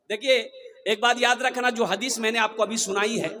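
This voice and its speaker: Male preacher with a very high voice, emphatic sermon delivery that pushes the crowd to answer back. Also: fairly even intonation, moderate pace. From Kolkata, India. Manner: emphatic, calls out questions to the crowd and rises to shouts. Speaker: Islamic preacher. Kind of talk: sermon at a mosque gathering.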